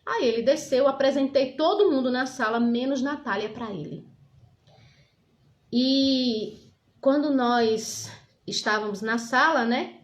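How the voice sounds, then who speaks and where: A woman's voice: high-pitched, takes it slowly. Fervent Brazilian woman giving testimony. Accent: Brazilian Portuguese. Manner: storytelling with many hesitant fillers, rising to fervent preaching. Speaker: lay preacher giving testimony. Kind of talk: testimony to a congregation. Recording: echoey hall with crowd.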